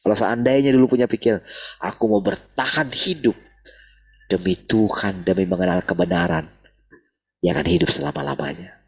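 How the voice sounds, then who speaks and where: A man preaching a sermon in a casual, animated way, often ending phrases with a filler. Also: on the low side, normal speed, vocal fry, husky. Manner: animated, repeats "gitu" often. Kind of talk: sermon over video call.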